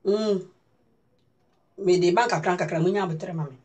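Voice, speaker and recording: A woman's voice: lowish voice, moderate pace, a little mellow, breathy edge. A woman from Ghana giving casual, emphatic news commentary and speaking directly to her viewers as a vlogger.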